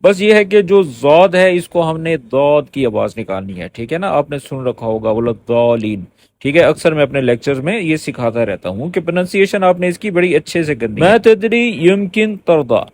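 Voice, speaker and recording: A man teaching spoken phrases in a lesson. He explains patiently, repeats each phrase slowly and keeps checking that the listener has understood. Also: a little high, expressive, darkish tone. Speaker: Arabic teacher.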